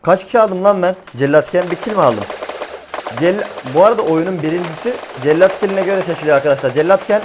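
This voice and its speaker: A young man talks through his game in a raised, slightly high voice, full of slangy, exasperated chatter. Gunfire and game sounds clatter clearly underneath his commentary. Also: quick pace, background noise. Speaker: gaming channel host. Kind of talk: live gameplay commentary.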